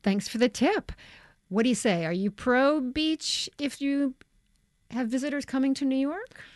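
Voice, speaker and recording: A woman hosting a live call-in radio show with a smooth, inviting radio-host delivery and upbeat questions for callers. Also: high voice, unhurried, no room sound, clean studio sound. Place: radio studio.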